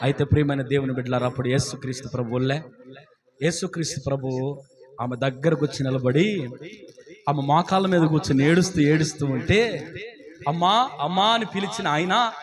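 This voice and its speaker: High-voiced fervent male pastor. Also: brisk. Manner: fervent, calls out hallelujah, acts out quotes. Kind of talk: sermon. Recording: live church service with congregation. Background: congregation.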